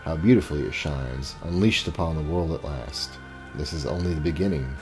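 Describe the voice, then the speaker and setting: A man's voice: a bass voice, fairly quick, a little mellow. A man voicing a smug, grandiose mustache-twirling villain from a video game, theatrical and gloating. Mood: grandiose menace. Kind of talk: reading video game dialogue aloud. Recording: game music behind the voice.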